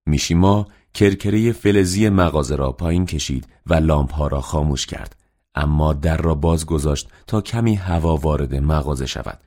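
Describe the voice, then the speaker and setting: Very deep, dark-voiced male narrator. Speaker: audiobook narrator. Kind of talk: scripted narration.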